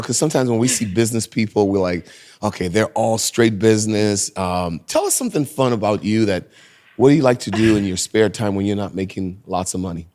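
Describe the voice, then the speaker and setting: Upbeat low-voiced male podcast host. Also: mellow. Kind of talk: conversational podcast interview.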